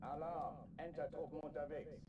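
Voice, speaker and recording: A firm, repeated alert over a ship's alarm loudspeaker, an announcer calling everyone to battle stations. His voice sits a little high and sounds far off. Loud game noise fills the space around it. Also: fairly even intonation, moderate pace, dull audio. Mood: urgent.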